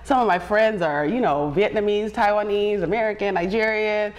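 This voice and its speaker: A woman's voice: mid-range voice, normal speed. A woman from Zimbabwe, co-hosting a casual talk show and laughing often. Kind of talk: casual chat. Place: bright living-room studio set.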